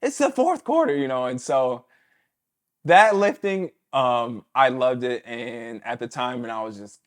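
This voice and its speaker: A man in his thirties who used to play pro football tells stories in a relaxed interview, now and then imitating his coach's yelling. His voice sits in the mid-range and moves at a measured pace.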